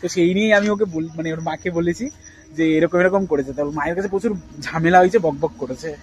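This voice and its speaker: A man's voice: fairly high pitch, fast talker, a little hiss or hum, poor audio. A young man, talking casually to camera as a vlogger, rambling with many fillers and restarts. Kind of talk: casual vlog talk to camera.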